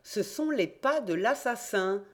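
A woman reading an audiobook, voicing an eager, confident young male reporter-detective in a raised, excited voice. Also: a little slow. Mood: triumphant. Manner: excited, emphatic, raised and higher voice.

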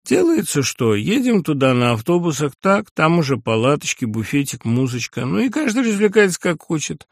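A servile, fawning underling, voiced by a male audiobook narrator, who pleads and makes quick excuses in a raised, eager voice. The recording is dry and close, with no room sound at all. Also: on the high side, sing-song, no room sound, voice pushed up. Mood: confiding.

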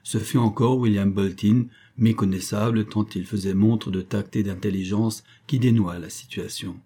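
Low husky male audiobook narrator. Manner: steady, measured reading. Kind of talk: scripted narration.

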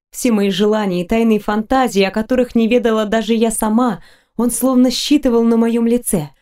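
Mellow-voiced woman narrating an audiobook. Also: fairly high pitch. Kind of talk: first-person audiobook narration of a romantic fantasy.

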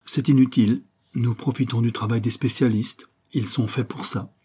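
A man's voice: medium pitch, fairly even intonation, moderate pace, dark tone, slightly rough. A man reading the part of an earnest, self-taught young sailor who reasons things out.

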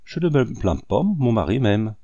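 Man voicing a gentle young wife, hospitable, soft-spoken, mellow tone, dry close recording. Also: medium pitch, very animated, a little slow, breathy edge, no echo, highs cut off. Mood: tender. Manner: soft, coaxing delivery. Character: gentle young married woman, kindly host.

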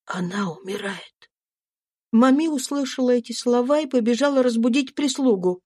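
A woman reading a classic novel aloud as an audiobook narrator, in a slow, solemn, deliberate way. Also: high-pitched, fairly even intonation, a little mellow, no room sound, clean studio sound. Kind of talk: scripted literary narration.

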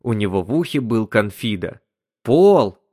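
A man narrating a short story in an expressive reading. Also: fairly low pitch, normal speed, no room sound, studio quality.

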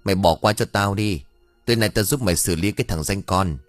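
A man voicing an old male village ritual master, gruff and blustering, afraid of his wife. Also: sits low, brisk, no room sound, soft background music, close to an everyday voice.

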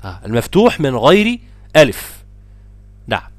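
A man with an Egyptian accent teaching a tajweed lesson. He explains each rule briskly and then stretches out the example words slowly. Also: mid-range voice, wildly swooping pitch, no room sound. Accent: Egyptian Arabic. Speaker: Quran recitation teacher.

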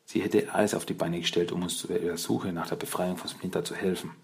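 A man voicing a jumpy, outspoken young male turtle in an audiobook, talking in a raised, lively way. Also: low-pitched, a little fast, gravelly. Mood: puzzled.

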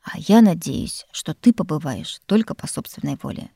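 A woman voicing a teasing, self-assured young male lord and teacher, speaking in an unhurried, mocking way. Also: sits low, expressive, vocal fry, dark tone, husky, dry recording, studio quality, exaggerated voice.

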